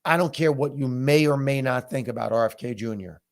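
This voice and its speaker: A man with a hoarse, sore-throated voice giving a blunt, emphatic opinion monologue to viewers as a political commentator. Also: medium pitch, a little fast.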